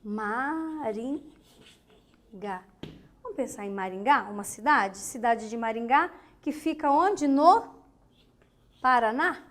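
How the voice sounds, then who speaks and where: A woman's voice: on the high side, measured pace. A woman teaching a grammar lesson, patiently repeating key words and asking and answering her own questions.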